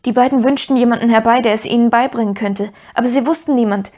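A woman's voice: fairly high pitch, steady tone, fast, a little mellow, close to an everyday voice. A woman reading an audiobook, voicing an eager, earnest young boy who talks in urgent, breathless bursts. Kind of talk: audiobook character voice.

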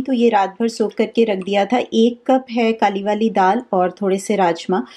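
A woman's voice: mid-range voice, a little mellow. A woman in her thirties chatting casually in a home vlog, explaining as she cleans and cooks, recorded on a handheld camera in her kitchen. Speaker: home vlogger. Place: home kitchen and rooms, indoors.

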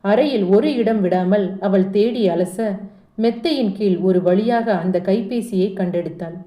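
A woman narrating a family short story in a brisk, plain storytelling manner. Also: medium pitch, muffled recording. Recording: echoey room.

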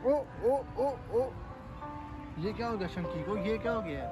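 A man's voice: sits high, a little slow, music in the background. A man from Pakistan with a Pakistani Urdu accent, chatting casually in a vlog. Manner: chatty, informal. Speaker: vlogger.

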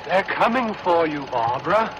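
A man's voice: on the high side, big pitch swings, normal speed. An actor playing a teasing young man who taunts in a spooky voice. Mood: taunting. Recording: film clip with engine noise.

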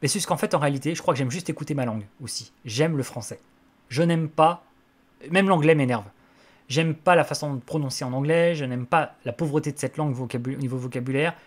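A man's voice: on the high side, fast talker. A man hosting a podcast, answering listener questions in a casual spoken monologue. He talks hesitantly, with many fillers and restarts, and gives blunt opinions.

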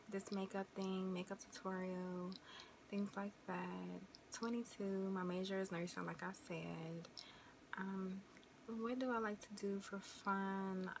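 A woman's voice: mid-range voice, noisy background. A woman in her twenties from the American Midwest, chatting casually to camera as a vlogger, rambling and friendly with lots of fillers. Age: 20s. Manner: chatty, rambling, uses y'all and you know.

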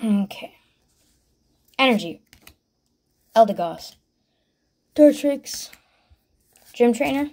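This vlogger, a woman, has a fairly high voice with a dark tone. Tearing into trading card packs, she names each card in brief bursts and thinks out loud between them, keeping the unboxing talk casual.

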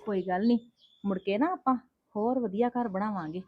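Woman playing a quick, strict mother. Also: medium pitch, dull audio, close to an everyday voice. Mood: soothing. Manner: quick, scolding, then coaxing. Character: strict but loving young mother. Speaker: mother in a family drama. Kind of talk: homemade family drama acting.

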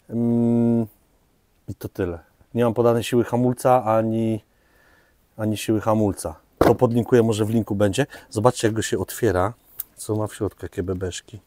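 A Polish-accented man runs a relaxed shop video, chatting through gear with jokes and plenty of fillers. His voice sits mellow and dark. The sound is dry and close. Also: mid-range voice, no room sound. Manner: chatty, joking, loose with fillers. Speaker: fishing shop host. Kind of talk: casual product presentation.

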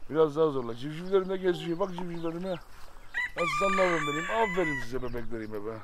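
A man with a high-ish, lively voice talks fast while caring for his animals outside a chicken coop, chatting to viewers and switching between fond coaxing and scolding outbursts. Heavy background noise surrounds him, including a rooster, chickens and birds.

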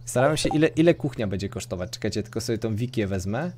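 A man's voice: lowish voice, lively intonation, very fast, noisy background. A young man casually commenting on his gameplay for viewers, chatting and thinking aloud as he plays. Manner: chatty, talks to viewers and girlfriend off-mic, mixes English gaming words. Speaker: streamer.

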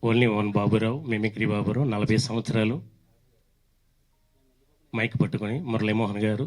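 An older man, a mimicry artist, chatting and joking between impressions on a stage with a handheld mic. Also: on the low side. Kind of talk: stand-up mimicry act. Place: stage event.

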